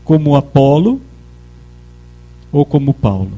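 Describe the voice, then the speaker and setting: A man with a notably high voice delivers a sermon at an unhurried pace. He presses each point emphatically and calls for his congregation to repeat his words back. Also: big pitch swings, mellow, dull audio. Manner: emphatic, leads the congregation in call-and-response. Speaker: preacher.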